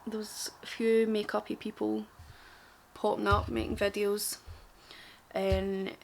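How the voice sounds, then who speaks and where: A woman's voice: mid-range voice, level tone, unhurried, gravelly. A young woman with a broad, strong Glaswegian Scottish accent, chatting casually and self-deprecatingly to camera in an informal, rambling makeup tutorial. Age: young adult. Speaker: beauty vlogger.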